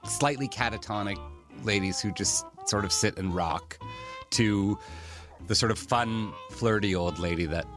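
Man, very low voice, candid wry storytelling, conversational fillers, faint music underneath. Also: unhurried. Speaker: podcast host telling his mother's story. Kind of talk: personal storytelling.

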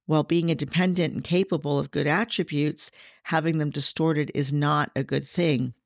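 A middle-aged woman hosting a faith podcast, sharing personal reflections in an earnest, gently teaching way. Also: low-pitched, steady tone, moderate pace, creaky, dry recording, studio quality. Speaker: podcast host.

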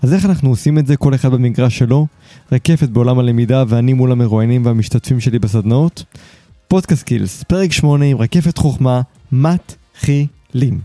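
A man hosting a podcast, reading a scripted intro in a measured, explanatory way and chatting casually with his guest. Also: medium pitch, warm tone, soft background music. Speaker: podcast host.

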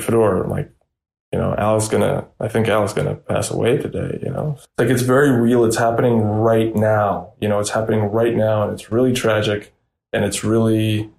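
A young man from Russia talks through a casual interview as a reporter guest, full of "you know" and restarts. His delivery is animated and his pitch jumps up when something strikes him. The recording has a noticeably roomy, echoey sound. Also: vocal fry. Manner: animated, rambling with many fillers.

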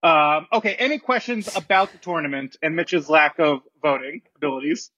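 A man's voice: fairly high pitch, normal speed, pushed and bright, no echo, highs cut off. A man speaking as a guest tournament commissioner on a video call, moving between mock-formal statements and casual chat. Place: tiled hallway at home, video call.

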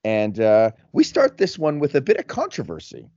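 A man's voice: mid-range voice, wildly swooping pitch, normal speed, mellow, no room sound, highs cut off. A man chatting casually as a podcast co-host, often rephrasing as he works through a thought. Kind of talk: casual chat.

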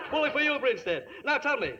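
An actor playing a hearty, blustery, exuberant American president in a 1950s radio comedy. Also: male voice, very high voice, full character voice. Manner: exuberant, commanding. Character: hearty, blustery middle-aged American President Theodore Roosevelt. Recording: dull old radio broadcast, loud audience.

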